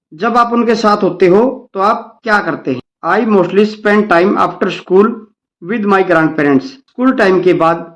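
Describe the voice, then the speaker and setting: A male teacher with an Indian accent reads each English line slowly, then explains it in Hindi to the children he calls dear kids. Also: sits high, dull audio. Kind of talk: bilingual English-Hindi lesson.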